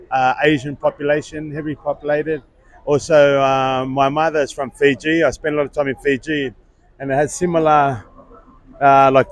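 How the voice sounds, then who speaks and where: A man, answering a street interview in a relaxed, rambling way with lots of fillers. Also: on the high side, dry recording. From Sydney, Australia. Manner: relaxed and chatty, with many filler words.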